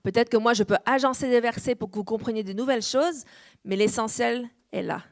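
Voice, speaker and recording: A woman pastor in her thirties from France, preaching a sermon with an easy, earnest manner and a light French accent, full of amens and little pauses. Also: a little high. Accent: French, slightly shifting. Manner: warm, earnest preaching with frequent "amen" and "euh". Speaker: guest pastor. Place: church hall.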